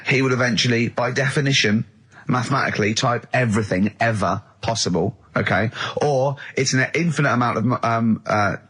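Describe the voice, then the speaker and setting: In argumentative radio banter, this co-host keeps interrupting and repeating himself, exasperated and emphatic yet casual. He speaks fairly quickly in a mid-range, slightly bright voice with a breathy edge.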